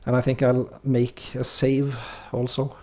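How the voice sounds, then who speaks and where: This Norwegian man talks a little slowly in a mid-range voice during a casual let's-play stream. Relaxed and hesitant, he fills pauses with plenty of fillers and reads his viewers' chat aloud.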